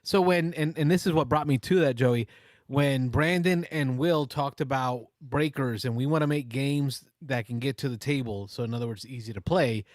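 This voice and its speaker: A man in his forties hosts a call-in show, chatting casually and telling stories. His medium-pitched voice moves at a moderate pace, captured in studio quality with no room sound.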